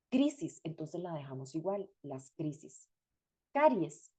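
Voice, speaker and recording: A woman's voice: medium pitch, mellow. A woman teaching a grammar class, explaining step by step and repeating each example word. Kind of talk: recorded lecture.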